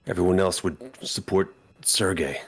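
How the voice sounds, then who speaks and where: A man voicing a brooding, paranoid vampire lord who mutters quietly in a half-whisper during a tabletop game. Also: sits low, steady tone, moderate pace, slightly rough, faint music behind. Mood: muttering, tormented.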